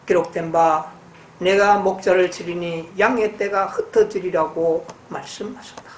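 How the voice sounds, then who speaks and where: A woman preaching a sermon. She reads passages slowly and then explains them, asking her listeners questions and answering them herself. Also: fairly low pitch, steady tone, reverberant, slight background noise. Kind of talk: sermon with Bible reading.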